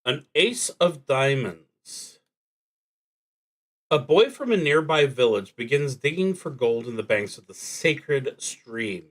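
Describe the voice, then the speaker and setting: Reading prompts from a solo tabletop roleplaying game, a man thinks out loud, musing hesitantly and leaving long, thoughtful pauses. His pitch sits in the middle, and his intonation is lively.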